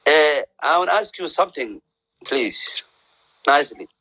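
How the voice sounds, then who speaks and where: A man from Somalia chatting on a video call, speaking halting, broken English and repeating his words. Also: on the high side, lively intonation, pushed and bright. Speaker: video chat caller. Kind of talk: casual video chat with strangers.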